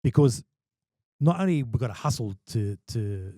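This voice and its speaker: On a casual podcast, a guest who works as a wedding MC speaks passionately and emphatically about his job, tripping over repeated words before each point lands. His mid-range voice is mellow, dark and expressive at a moderate pace, recorded close and dry with almost no room sound.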